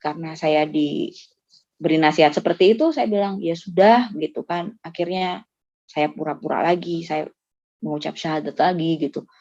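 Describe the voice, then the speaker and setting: Woman giving a mellow, earnest testimony. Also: sits low, dry recording. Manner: earnest, emotional storytelling, often pausing. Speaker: church ministry worker. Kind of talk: personal faith testimony. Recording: slightly dull lo-fi, dry sound.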